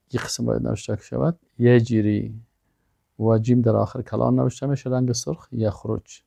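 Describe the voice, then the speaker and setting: A man teaching a language lesson, sounding out example words slowly and deliberately. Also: medium pitch, vocal fry, mellow, dry recording. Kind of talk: language lesson, explaining exercises.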